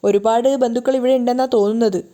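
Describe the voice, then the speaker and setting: A woman's voice: a little high, fairly even intonation, fast, dark tone, close to an everyday voice. A woman reading the lines of an inquisitive middle-aged temple priest in a TV serial recap. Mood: curious. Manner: plain, inquisitive.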